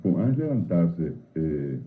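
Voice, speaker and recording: Low-voiced man explaining words over a tinny line. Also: very animated, unhurried, reverberant. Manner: patient, explanatory, many filler "eh"s. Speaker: Guarani language expert guest. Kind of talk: explaining on a radio talk show. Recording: tinny phone-like radio audio.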